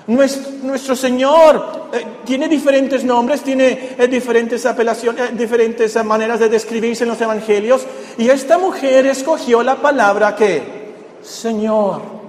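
A man's voice: very high-pitched, steady tone, a little slow, a little mellow. A man preaching a sermon, explaining a Bible passage and asking the congregation rhetorical questions. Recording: echoey hall with long reverb, faint background noise.

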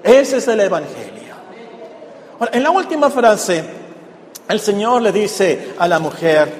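A man preaching a sermon, explaining a Bible passage and asking the congregation rhetorical questions. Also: high-pitched. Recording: echoey hall with long reverb, faint background noise.

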